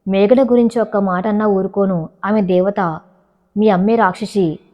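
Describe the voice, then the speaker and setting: A woman's voice: mid-range voice, fairly even intonation, moderate pace, close to an everyday voice. A woman voicing a stern elderly father in a wheelchair who sharply rebukes his daughter in an audio story. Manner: shouting rebuke. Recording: dull lo-fi recording.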